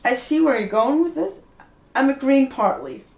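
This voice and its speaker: Her voice is high-pitched, expressive, creaky and darkish in tone, moving at a normal speed. She's a young podcast co-host in her 20s who talks in restarts, earnest and opinionated, during a casual discussion recorded with roomy echo.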